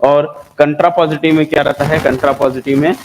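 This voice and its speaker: A man's voice: on the high side, steady tone, fairly quick, slight background noise, low-quality recording. Indian man teaching maths, repeating terms. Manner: repeats key terms, asks and answers his own questions. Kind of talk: classroom lecture.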